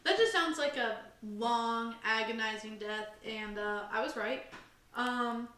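A woman's voice: on the high side, takes it slowly, sharp tone. A young woman co-hosting a casual podcast, rambling and self-deprecating with many fillers. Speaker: podcast co-host. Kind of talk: casual chat. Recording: roomy, slightly distant mic with faint hiss.

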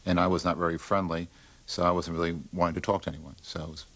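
Very low-voiced man, laconic. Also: flat delivery, fast talker, a bit bright. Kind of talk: interview recollection.

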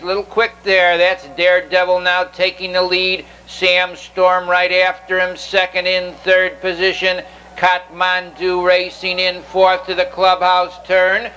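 A man's voice: sits high, sharp tone, clean tone, dull audio. A man calling a live horse race, announcing running positions in clipped race-caller phrases.

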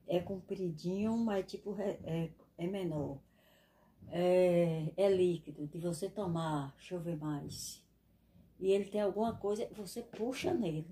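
A woman's voice: on the low side, warm tone. A middle-aged woman teases her son affectionately during a guessing game at home. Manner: teasing, affectionate, calls him bebê. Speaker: host's mother. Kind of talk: casual family guessing game.

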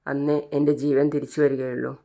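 A narrator reading a grieving mother's despairing lines in a flat voice. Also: mid-range voice, a little fast, vocal fry, natural voice. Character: grieving mother refusing food.

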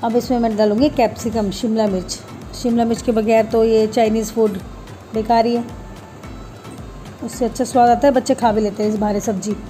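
Mellow-voiced woman guiding a home recipe. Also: fairly high pitch, flat delivery, fairly quick, faint music behind. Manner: homely, talks viewers through each step. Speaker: home cooking channel host. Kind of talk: step-by-step recipe voice-over.

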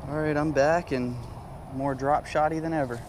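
A man's voice: a little high, steady tone, normal speed. A young man from South Carolina giving casual, chatty commentary to his viewers while fishing from a kayak on a lake. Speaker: fishing vlogger. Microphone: head-mounted action camera. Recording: faint outdoor noise from an action camera.

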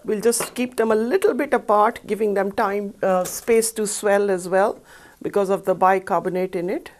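A middle-aged woman hosts a cooking show in an indoor studio kitchen set, explaining every step of the cooking demonstration in an upbeat, chatty way. Her voice is medium-pitched and her pace moderate.

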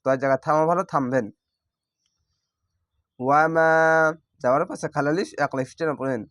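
A man teaching Quran reading, spelling each word out slowly by its letters and vowel marks before reciting it. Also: on the high side, no echo, clean studio sound. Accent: Bangladeshi Bengali. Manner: slow, drawn-out syllable-by-syllable spelling with recited words.

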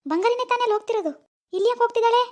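Caring cartoon schoolboy, put on by a woman: high voice pushed lower, quick, concerned. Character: caring teenage schoolboy boyfriend. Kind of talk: cartoon voice acting.

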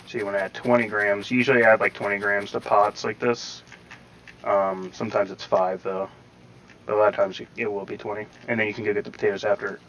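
In this clip, a male gaming tutorial host talks through gameplay casually, meandering step by step and hedging a little. His voice is fairly low yet bright, with a forceful tone. The audio is poor, with faint background noise and a slightly robotic processed quality.

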